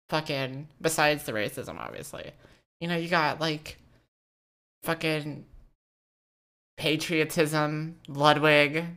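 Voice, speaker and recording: A woman's voice: low voice, a bit bright. A woman co-hosting a casual comedy chat, swearing freely and joking in loose rants. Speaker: co-host.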